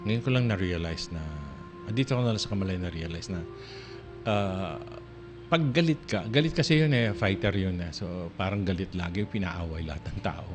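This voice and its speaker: A man's voice: deep voice, normal speed. Rambling male radio host over music. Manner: rambling and conversational, with frequent restarts and soft laughs. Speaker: radio talk show host. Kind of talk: casual on-air monologue. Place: radio studio. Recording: radio broadcast with music playing underneath.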